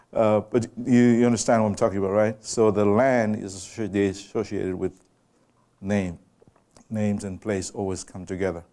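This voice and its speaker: A man gives an unhurried public lecture in a room with a live audience. His voice sits fairly low and has a warm, mellow tone. He turns to the listeners now and then with direct questions. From Samoa. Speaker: guest lecturer.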